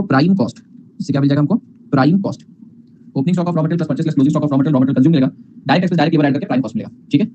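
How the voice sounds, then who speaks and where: A man's voice: fairly high pitch, darkish tone, muffled recording, a little hiss or hum. A man teaching accounting in a class lecture, mixing in English terms, calling students "beta" and asking questions he answers himself.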